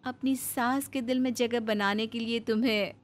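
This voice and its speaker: A scheming young daughter-in-law, put on by a woman narrator in a cartoon story. She whines and tattles in a high, loud voice and drops sly taunts. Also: fairly even intonation, normal speed, close to an everyday voice. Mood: complaining.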